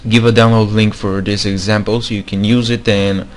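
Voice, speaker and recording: A man who isn't a native English speaker makes a screen-recorded tutorial on building game mods, speaking at a fairly low pitch with a flat delivery and moderate pace. He's hesitant, using many fillers and repeating words, over a little hiss or hum.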